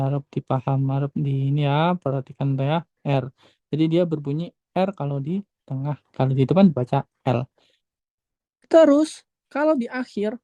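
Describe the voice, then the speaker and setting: A woman's voice: low-pitched, warm tone, no echo. A woman teaching a language class online in a casual way, often repeating herself and correcting herself mid-sentence. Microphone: video call.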